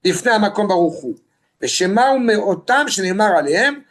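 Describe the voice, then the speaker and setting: A man with a high-pitched voice teaches a Torah class. He moves between Hebrew citations and explanation, restating phrases emphatically as he goes. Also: big pitch swings, moderate pace, a bit bright. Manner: emphatic, repeats and rephrases phrases for the listeners. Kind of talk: Torah lesson reading Hebrew text and explaining it in French.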